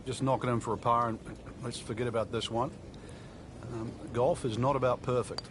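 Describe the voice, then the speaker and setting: A man's voice: medium pitch, level tone, normal speed, noisy background, lightly acted. A man co-commentating on golf as the analyst, in a conversational, matter-of-fact way.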